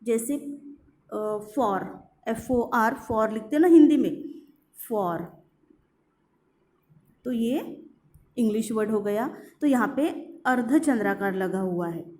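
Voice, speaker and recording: A woman teacher giving an online grammar lesson, explaining slowly and repeating her examples, with English words mixed into her Hindi. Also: a little high, a little mellow.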